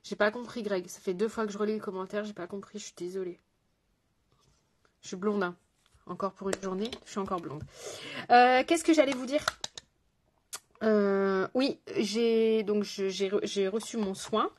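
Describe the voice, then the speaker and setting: A woman's voice: mid-range voice, normal speed, pauses often. A woman with a French accent, a makeup artist chatting casually through a live tutorial, greeting viewers and joking about herself. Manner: chatty, greets viewers, self-mocking asides.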